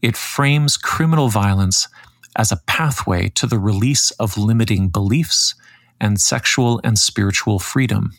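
Low gravelly-voiced man giving podcast commentary. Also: fairly bright tone, dry recording. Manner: measured, critical, reads quotes aloud. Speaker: podcast host. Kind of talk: scripted commentary.

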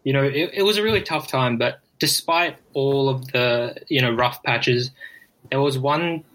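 A man's voice: mid-range voice, a bit bright, rough recording. Hesitant young man. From Brisbane, Australia. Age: 20s. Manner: hesitant, halting, reflective. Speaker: podcast guest. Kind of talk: casual interview chat.

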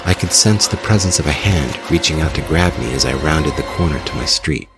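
A man with an extremely deep, gravelly voice narrates a scripted horror tale in a measured, ominous way. He hosts the show, and music plays under his voice. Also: lively intonation. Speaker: horror story podcast host and narrator.

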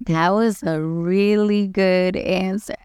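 Smooth-voiced woman hosting a podcast. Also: mid-range voice, fairly even intonation, slow pace, a little mellow. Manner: encouraging, with frequent short affirmations. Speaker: podcast host. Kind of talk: interview hosting.

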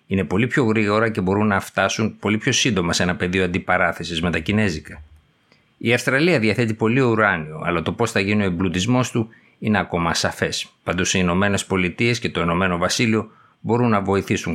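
A middle-aged man presenting a scripted news segment, with a measured, explanatory delivery. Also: low voice, fairly bright tone.

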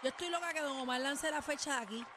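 A Puerto Rican woman co-hosting a radio show, giving expressive, opinionated commentary on celebrity news. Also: high-pitched, quick pace, a crowd in the background, noisy background. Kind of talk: casual gossip chat. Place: radio studio.

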